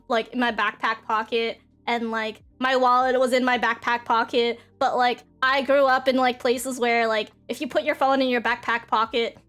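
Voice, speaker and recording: A woman's voice: on the high side, fairly bright tone. Rambling young woman streamer. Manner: rambling, lots of fillers. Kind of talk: casual stream chat. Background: faint background music.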